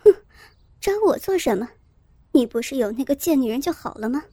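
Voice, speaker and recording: A woman's voice: high voice, lively intonation, moderate pace, dark tone, dry recording. A woman voicing a proud young woman who speaks coldly and with scorn. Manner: cold and scornful.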